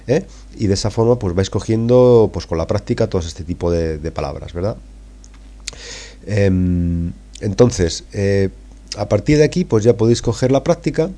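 A middle-aged man gives an informal podcast lesson in a rambling, chatty way. His voice is very low and gravelly, with a dark, mellow tone. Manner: rambling, conversational, addresses listeners directly. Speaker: podcast host and English teacher.

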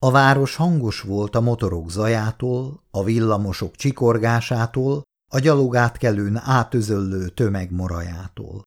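A man narrating a story in a scripted reading, expressive in delivery. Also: medium pitch.

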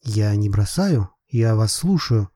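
A man's voice: on the low side, slow pace, dry recording. A man reading an audiobook voices a composed woman private detective who speaks politely and with dry irony. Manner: calm, polite, slightly ironic.

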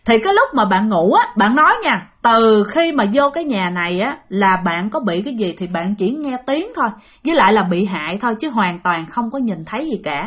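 A woman's voice: medium pitch, sing-song, fairly quick, few pauses, fairly bright tone. A woman with a Southern Vietnamese accent narrating a ghost story in a chatty way, talking straight to her listeners. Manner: chatty, addresses listeners directly.

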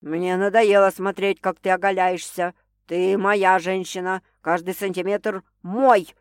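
A woman's voice: mid-range voice, level tone, a little slow, smooth, dry recording, lightly acted. Woman putting on a growling possessive boss. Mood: menacing possessive. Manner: growling, snapping, hissing threats. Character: domineering possessive drunk male boss.

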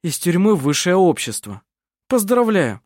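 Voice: mid-range voice, animated, brisk, no room sound, clean studio sound, natural voice. A reader voicing a sour, sarcastic young man in an audiobook.

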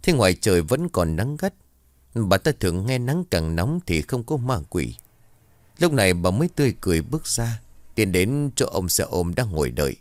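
A man narrating a ghost story with expressive storytelling. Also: lowish voice, normal speed, dry recording.

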